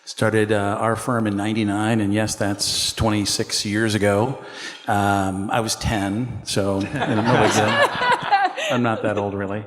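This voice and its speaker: Joking low-voiced male panelist. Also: big pitch swings, measured pace, a bit bright, slight background noise. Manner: joking, upbeat. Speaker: panelist, agency co-founder. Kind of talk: panel discussion. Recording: long hall reverb.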